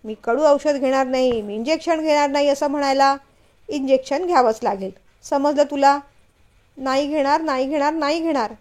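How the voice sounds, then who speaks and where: A woman's voice: high-pitched, normal speed, close to an everyday voice. Woman voicing a stern scolding young husband. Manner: scolding, firm, louder.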